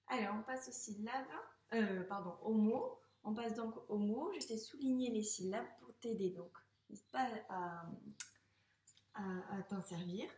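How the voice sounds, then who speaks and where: A woman teaching first graders to read, speaking slowly and patiently, sounding out syllables and gently encouraging the child. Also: mid-range voice. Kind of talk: slow, patient reading lesson for young children. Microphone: camera. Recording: echoey room.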